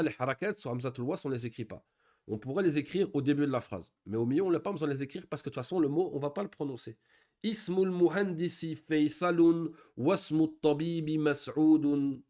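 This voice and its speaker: A man teaching an online beginners' Arabic reading class, patiently reading example sentences slowly and then explaining each point step by step. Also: fairly high pitch, darkish tone.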